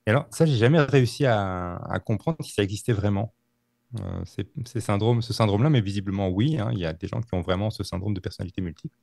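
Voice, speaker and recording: A man telling a true-crime story on a podcast, halting with many fillers and restarts. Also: on the low side, creaky, a little mellow, no room sound, clean studio sound. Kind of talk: casual storytelling.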